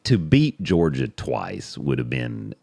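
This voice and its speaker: A man's voice: a bass voice, huge pitch swings, slow pace, vocal fry, warm tone, no room sound. A man co-hosting a podcast in casual sports chat, rambling and repeating words as he finds his point. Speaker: podcast co-host.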